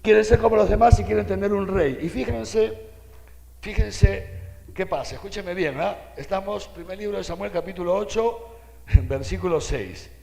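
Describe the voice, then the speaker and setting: Older male preacher from Peru, lively folksy catechesis, high and gravelly, in a reverberant hall. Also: normal speed. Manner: animated, folksy preaching with many rhetorical asides to listeners. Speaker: bishop giving catechesis. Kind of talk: sermon.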